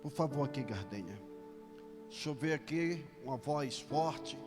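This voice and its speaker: A man's voice: mid-range voice, expressive, unhurried. A man preaching a sermon as pastor, commanding and calling on his congregation. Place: church hall. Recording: reverberant church hall with music. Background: music.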